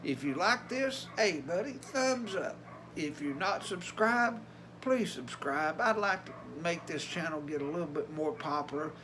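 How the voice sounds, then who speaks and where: A man's voice: fairly high pitch, lively intonation, unhurried, noisy background. An older man with an Appalachian Tennessee accent, talking casually and plainly to his vlog viewers in a folksy way. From Tennessee, USA. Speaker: vlogger.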